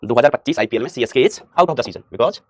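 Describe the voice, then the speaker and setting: A man's voice: medium pitch, expressive. A man teaching a live online maths class, calling students "beta" and answering his own questions. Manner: urges students on with rapid repetitions.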